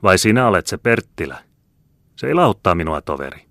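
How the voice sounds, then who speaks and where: A man voicing a boisterous bearded soldier, a sergeant who swaggers and talks loudly and heartily. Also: low-pitched, sing-song, no echo, clean studio sound, voice pushed up, heavily acted. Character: boisterous bearded jovial soldier, male sergeant, middle-aged.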